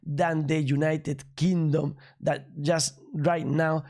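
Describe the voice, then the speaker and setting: A man from Spain with a Spanish accent, a native Spanish speaker hosting a news commentary show in an upbeat, emphatic, slightly halting way. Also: a little high, flat delivery, vocal fry, darkish tone. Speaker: crypto news channel host.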